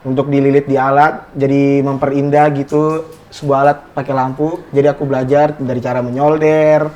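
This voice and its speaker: A man's voice: mid-range voice, little pitch movement, normal speed, darkish tone, lo-fi sound. Casual young man, polite guest. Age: 20s. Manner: casual, polite, repeats himself. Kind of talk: casual interview chat.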